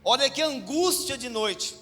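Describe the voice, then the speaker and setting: A middle-aged man with a Brazilian Portuguese accent, a pastor preaching a sermon in animated storytelling style, swinging from hushed to loud and leading the congregation in call-and-response. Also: very high-pitched, unhurried. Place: church hall. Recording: long church hall reverb.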